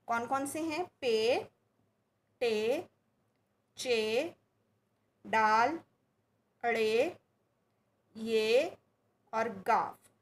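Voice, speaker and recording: Slow, clear-spoken woman teaching children. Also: sits high, a little hiss or hum. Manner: slow, clear recitation of letters for children to repeat. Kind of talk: online alphabet lesson for children.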